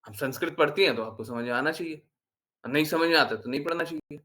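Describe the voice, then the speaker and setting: Male spiritual teacher, higher voice, animated, scolding, rhetorical. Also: fast. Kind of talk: informal devotional talk.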